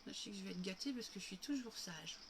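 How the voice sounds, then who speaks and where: A makeup live streamer talks fast and animatedly in a mid-range voice. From home, she casually demonstrates each step for viewers she calls "girls," coughing occasionally as she recovers from being ill. There's slight background noise.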